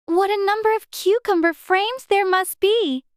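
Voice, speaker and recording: A man's voice: very high voice, measured pace, noisy background, voice pushed up. A man voicing Alice, a curious young girl who chatters to herself in a storybook reading. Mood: wondering.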